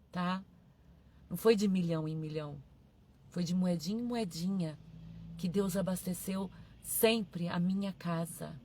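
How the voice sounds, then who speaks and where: A woman's voice: mid-range voice, a little mellow, a little hiss or hum. A woman pastor, preaching a sermon emphatically, repeating her phrases and calling out to her listeners.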